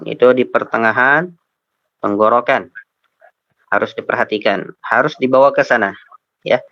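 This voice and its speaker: A man with an Indonesian accent teaching Quran recitation, patiently correcting pronunciation letter by letter and chanting verses slowly as models. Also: mid-range voice, bright, forceful tone, no room sound, muffled recording. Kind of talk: tajwid lesson with slow model recitation.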